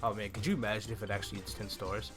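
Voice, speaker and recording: A young adult man, hosting a gaming video, fires off his words rapidly in a level tone from a voice on the low side. He's thinking aloud in an easygoing, casual walkthrough, close to a desk mic, over game music.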